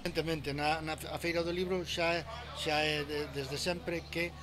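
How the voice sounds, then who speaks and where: A middle-aged man, a bookshop manager, speaking in a street interview at an outdoor book fair stall, hesitant and halting with many repeated words. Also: on the high side, level tone, a crowd in the background. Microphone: handheld reporter mic.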